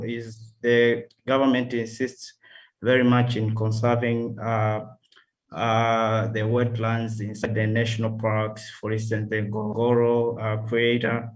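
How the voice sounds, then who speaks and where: A man from Tanzania, reporting to an online workshop over a video call, halting and full of fillers and self-corrections. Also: mid-range voice, low-quality recording. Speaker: workshop participant.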